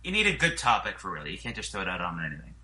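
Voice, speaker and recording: Lively, bright low-pitched podcast co-host. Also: male voice, very fast. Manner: explains and recaps jokes in detail. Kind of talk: casual chat.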